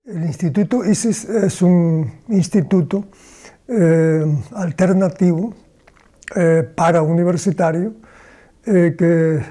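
An older Cuban philosophy professor answers interview questions slowly and deliberately in a small room lined with bookshelves, often pausing to search for words. His voice is high with a dark tone.

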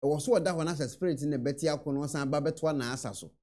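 A man's voice: on the high side, a little fast, mellow. A young Ghanaian man in a small room, earnestly commenting on a video into a webcam and mixing in English words. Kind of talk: reaction commentary.

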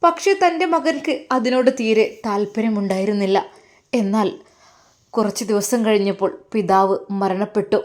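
A woman's voice: medium pitch, normal speed. A woman narrating an emotional story expressively.

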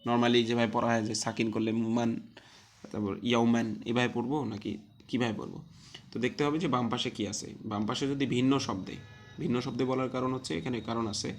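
Man teaching Quran recitation rules. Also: medium pitch. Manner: explains step by step, asks and answers his own questions; spells out letters, then recites words slowly and drawn out. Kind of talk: online tajweed lesson.

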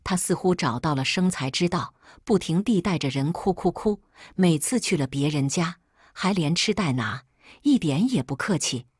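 A woman's voice: lowish voice, expressive, moderate pace, breathy edge, no echo, studio quality. A woman narrating a first-person story in a wry, unbothered manner.

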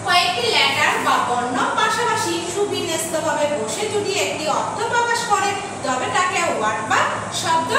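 A woman teaching an online English class to young pupils in Bengali, repeating each definition slowly so they can write it down. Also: extremely high pitch. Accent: Bangladeshi Bengali. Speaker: primary school English teacher. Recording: echoey room, mic at a distance, faint background noise.

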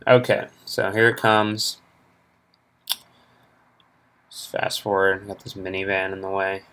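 With a low, flat delivery at a moderate pace and a fairly bright tone, a young man offers casual screen-recorded commentary on car auction listings. This car vlogger rambles with plenty of fillers, recorded indoors at home through his laptop's built-in mic.

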